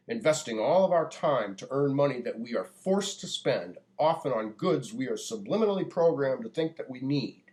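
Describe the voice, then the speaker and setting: A man from the United States addresses his audience in a prepared-sounding monologue, earnest and somewhat preachy. He speaks deliberately and declaratively at a mid pitch, with a slightly mellow quality.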